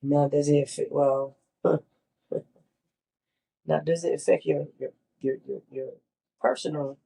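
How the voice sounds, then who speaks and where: A congested middle-aged woman shares what chemo was like for her during a casual, seated interview. She speaks a little slowly in a low, steady, gravelly voice that is mellow yet husky, and she is candid and emphatic, often repeating words for stress.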